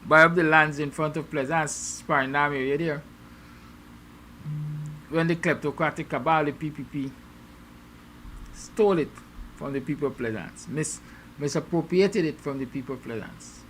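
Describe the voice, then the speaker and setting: Guyanese male host, bright forceful tone, rhetorical musing monologue, faint ambience in the background. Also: a little high, a little slow, long pauses, slight background noise. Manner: musing, rhetorical questions, sarcastic. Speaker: morning show host. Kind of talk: opinion monologue to viewers.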